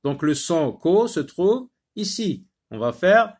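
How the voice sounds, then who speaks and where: A man gives a slow phonics lesson to young learners, sounding out each word again and again. His voice sits a little on the high side, and he takes his time with frequent pauses and fillers. He stays patient and repetitive throughout. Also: very animated, darkish tone, slightly rough. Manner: slow, patient, repeats words syllable by syllable with many fillers. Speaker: teacher.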